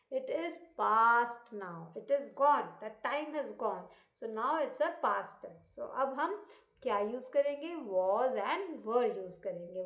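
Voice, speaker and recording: With an Indian accent, a woman teaches English grammar, explaining in Hindi and reading the English examples slowly. She poses questions to the class and then answers them herself. Her voice is a little high, and the lo-fi recording has a dull, echoey room sound.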